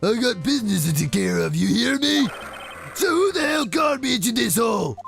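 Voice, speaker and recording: Furio Tigre a gravelly Brooklyn thug. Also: male voice, very high voice, sing-song, fairly quick, a bit bright, faint music behind, voice pushed up, exaggerated voice. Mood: menacing. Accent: mock Brooklyn. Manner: snarling, threatening. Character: gruff hot-headed male street thug witness. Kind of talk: live game voice acting.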